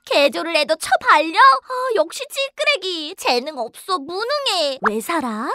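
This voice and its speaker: A woman voicing a bratty little magical girl in an anime-style cartoon, smug and mocking with drawn-out teasing. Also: very high voice, sing-song, background noise, full character voice. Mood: gleeful contempt.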